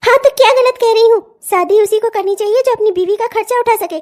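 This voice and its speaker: Woman voicing a shrill defiant young bride. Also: quick pace, warm tone. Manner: defiant, scolding. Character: bold demanding young bride, sharp-tongued. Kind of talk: cartoon voice acting.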